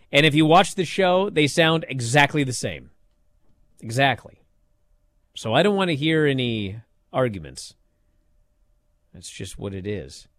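A man's voice: medium pitch, bright, forceful tone, no room sound. A man hosting a sports radio talk show with casual, opinionated banter and an emphatic manner.

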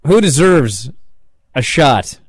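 Lively co-host with a dry sound. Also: male voice, mid-range voice, takes it slowly, husky, no room sound. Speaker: podcast co-host. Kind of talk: casual interview questions.

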